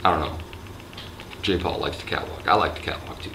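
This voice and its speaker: A slightly drunk man with a raspy throat, rambling and swearing loosely in a casual vlog, filmed on a handheld camera in a resort hotel room. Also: very deep voice, fairly quick, noisy background. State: a little drunk. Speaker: vlogger. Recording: echoey room with faint ambience.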